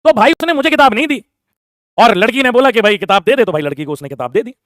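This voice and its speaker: Fast-talking young man telling a school story. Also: very high-pitched, dry recording, clean studio sound. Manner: animated, acts out the teacher and classmates in quick voices. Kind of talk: casual storytelling.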